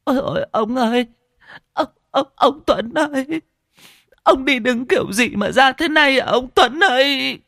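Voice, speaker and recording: A man voicing an old village widow who wails over her husband's body in a creaky, strained voice. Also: very high-pitched, a little slow, pushed and bright, no echo, studio quality, pitched above the performer's own voice, full character voice. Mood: wailing grief. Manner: wailing lament. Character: old village woman, newly widowed, wailing.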